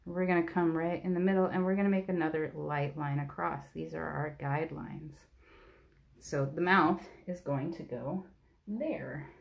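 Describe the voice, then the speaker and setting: A woman's voice: deep voice, steady tone, normal speed, gravelly. A woman art teacher giving a patient, step-by-step drawing lesson on a live stream.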